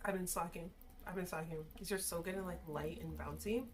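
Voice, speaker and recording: A woman with a slightly low voice hosts a casual eating and cooking video. She is tipsy from shots and talks to the camera in loose slang, swearing freely as she goes. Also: steady tone, fairly quick, background noise. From Caribbean background. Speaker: mukbang and drunk-cooking video host.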